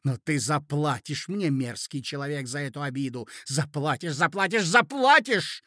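A man's voice: on the high side, animated, normal speed, no room sound, clean studio sound. A man playing a shrieking, domineering matron. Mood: enraged. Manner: loud, shrieking outbursts. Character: furious scheming middle-aged woman, domineering.

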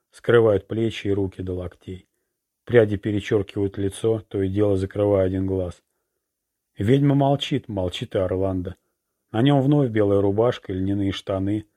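A man narrating a fantasy novel chapter in a steady, even reading. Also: on the low side. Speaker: audiobook narrator. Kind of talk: scripted narration.

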